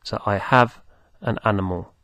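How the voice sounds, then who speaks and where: A man teaching beginners, speaking slowly and patiently, repeating words for the listener to copy. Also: lowish voice, a bit bright, no room sound. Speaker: language teacher. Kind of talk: slow, patient teaching with pauses.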